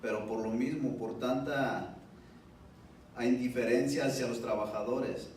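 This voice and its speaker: A man with a mid-range, slightly mellow voice gives a personal testimony in Spanish at a public event, speaking steadily at a measured pace. He is heard from far off in an indoor event room, captured by a distant mic in a very echoey space with faint noise.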